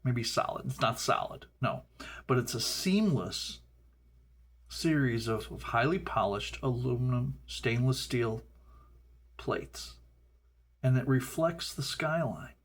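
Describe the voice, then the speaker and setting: A man's voice: mid-range voice, expressive, slow, slightly rough. A middle-aged man from Chicago hosting a casual building video, rambling and stumbling over words with folksy asides. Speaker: host.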